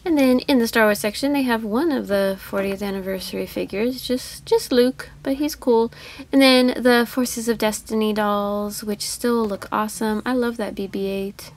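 A woman's voice: on the high side, moderate pace, a little hiss or hum. A woman vlogging a toy hunt in a store, chatting casually and gushing over each toy she spots. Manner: chatty, easily delighted, gushing over toys.

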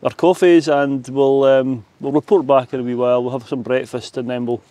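A man's voice: medium pitch, little pitch movement, a little fast, dark tone, no echo. A Scottish man chatting casually outdoors by a remote mountain cabin, rambling with restarts. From Scotland. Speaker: vlogger. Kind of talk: casual outdoor vlog chat.

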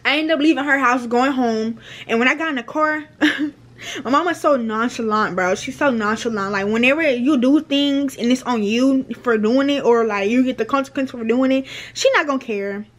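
A woman's voice: sits high, normal speed. A young woman vlogger telling a casual storytime, chatty and slangy, repeating her phrases.

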